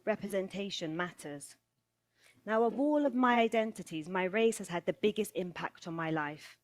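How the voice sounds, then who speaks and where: Deliberate British woman telling stories. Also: medium pitch, lively intonation. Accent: British English. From England. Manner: rhythmic and deliberate, slowing and pausing for emphasis. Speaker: speaker. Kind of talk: storytelling talk with a rhetorical refrain.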